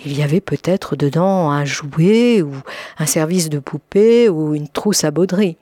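A woman narrating an audiobook story with expressive, lively storytelling. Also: sits low, a little slow, dry recording. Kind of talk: audiobook reading.

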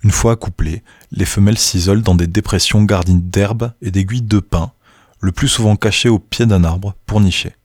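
A man reading scripted nature documentary narration in a measured, informative manner, with a husky voice. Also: lowish voice, fairly even intonation, darkish tone, no room sound, clean studio sound.

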